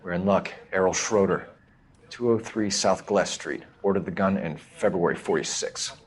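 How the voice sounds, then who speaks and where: An actor plays an earnest male police detective in a period crime game. His voice is a little low. He talks in a clipped, businesslike way. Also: normal speed, close to an everyday voice, low-quality recording.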